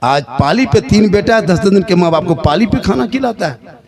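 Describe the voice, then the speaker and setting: High-voiced male preacher declaiming. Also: animated, a little fast. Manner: emotive, declaiming, sometimes shouting, sing-song. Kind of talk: religious sermon with dramatic storytelling. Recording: crowd noise behind.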